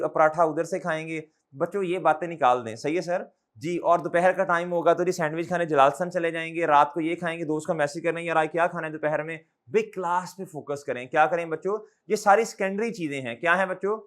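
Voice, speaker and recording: A man's voice: a little high, a bit bright. A male accounting lecturer with a Pakistani Urdu accent, talking to his class in a fatherly, scolding way and firing questions back at the students for a chorus answer.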